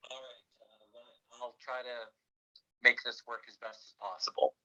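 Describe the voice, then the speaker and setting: A man's voice: medium pitch, steady tone, a little slow. A man giving a conference presentation over a tinny phone line, his voice fading in and out. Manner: fading in and out, uneven loudness. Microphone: telephone.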